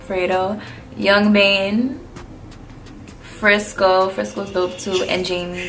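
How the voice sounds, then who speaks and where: Laid-back young New woman, vocal fry. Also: mid-range voice, fairly bright tone. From New York. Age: early 20s. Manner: slangy, blunt, laid-back. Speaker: vlogger answering fan questions. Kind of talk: casual Q&A chat.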